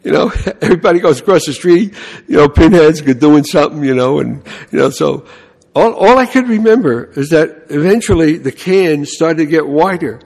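An older Bronx man with a New York accent preaches an animated sermon as a priest, spinning stories and often tossing in "huh?" and "you know." His voice sits a little high and creaky, moving at a normal speed in a big-room sound.

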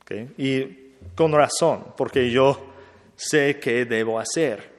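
Slow, reflective priest in a reverberant church. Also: male voice, mid-range voice. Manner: slow, reflective, repeating questions to himself. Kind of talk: sermon.

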